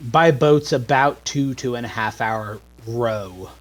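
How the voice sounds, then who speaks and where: A man's voice: medium pitch, takes it slowly, rough recording. A man narrating a tabletop game as game master, stopping and restarting often as he describes the scene.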